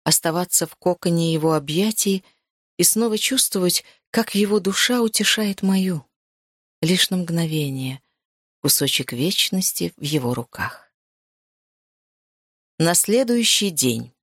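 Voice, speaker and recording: A woman reads a first-person novel aloud with a lower-pitched voice. Her delivery is measured and even, and the recording is close and dry with no room sound. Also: husky, dry recording. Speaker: audiobook narrator.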